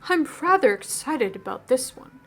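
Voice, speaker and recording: A woman voicing a courteous, old-fashioned gothic gentleman with formal, refined speech while reading a video game aloud. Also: high voice, very animated, moderate pace, full character voice. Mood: quiet pride.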